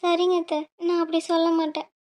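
A woman's voice: extremely high pitch, little pitch movement, fast. A woman voicing a meek, dutiful young woman who pleads hesitantly and sounds anxious. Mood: pleading. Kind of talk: cartoon voice acting.

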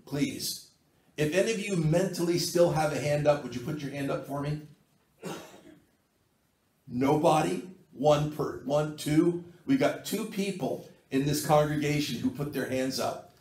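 Male pastor, sermon, conversational delivery, voice a little high, recorded echoey from off-mic. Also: a little mellow. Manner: conversational, asks the congregation to respond. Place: church sanctuary. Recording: echoey church, mic at a distance.

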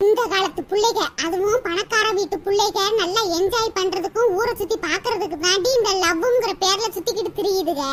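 A woman voicing a sharp-tongued married older sister in a cartoon, scolding and mocking in a long rant. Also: very high voice, very noisy. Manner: scolding, mocking, rapid ranting. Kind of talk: cartoon voice acting.

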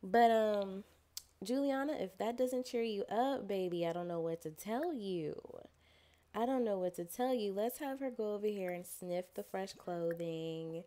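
A chatty woman talks through her life-sim gameplay in a relaxed, playful way. Her voice sounds mellow and warm, and she sometimes slips into her characters' thoughts as she plays. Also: medium pitch, unhurried. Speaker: gameplay narrator. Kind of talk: casual let's-play commentary.

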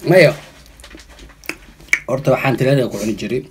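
A man's voice: mid-range voice, fast, slight background noise. A man in his thirties chatting casually for a vlog, recorded by a camera in a living room.

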